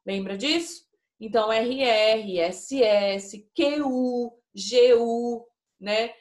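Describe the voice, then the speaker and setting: A woman teacher with a Brazilian Portuguese accent giving a recorded lesson to young pupils, explaining slowly and patiently and often checking that they follow. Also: on the high side, a little mellow. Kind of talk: recorded remote class lesson. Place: classroom with a whiteboard. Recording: echoey room.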